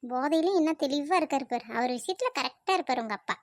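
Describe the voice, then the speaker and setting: A woman voicing a weary, sharp-tongued middle-aged mother in a cartoon. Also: high-pitched, expressive, quick pace, dry recording, voice pushed down. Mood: scolding. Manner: scolding, weary.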